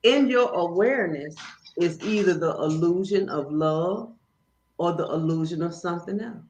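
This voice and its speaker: A woman guest in casual spiritual conversation, telling stories in an animated, preachy way. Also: on the low side, normal speed. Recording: roomy, dull, faint noise.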